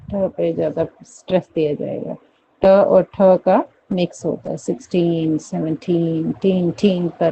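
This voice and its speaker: A woman teacher from India with a low, mellow voice explains English pronunciation at an unhurried pace, drilling each word several times. The recording is dull and lo-fi, with faint noise behind her. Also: gravelly. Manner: repeats words slowly, checks in with "theek hai?". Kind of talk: classroom pronunciation lesson.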